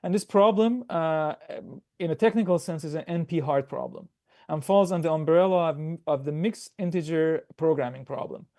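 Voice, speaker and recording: A man presenting a prepared startup pitch over a video call, explaining methodically and answering his own questions. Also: normal speed, a little mellow.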